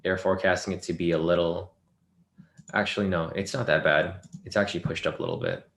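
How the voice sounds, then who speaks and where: A man is hosting a live screen-share trading webinar, talking loosely through charts and chat questions with many fillers while his voice, worn from a long day, keeps failing. It is low, steady, brisk, creaky and a bit bright, in an echoey room with a little hiss or hum.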